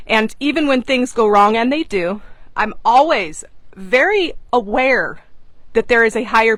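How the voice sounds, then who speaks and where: A woman's voice: mid-range voice, a bit bright, no room sound, low-quality recording. A woman giving a casual, heartfelt spiritual talk to her followers, earnest and chatty with frequent fillers, recorded on a boat outdoors. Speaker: online mentor and course host.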